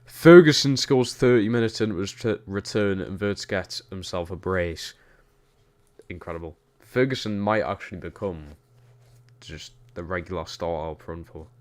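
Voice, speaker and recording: A man's voice: sits low, moderate pace. A young man with a Geordie accent, chatting casually over a football game while streaming and reading chat. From Newcastle, England. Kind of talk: casual gaming stream commentary.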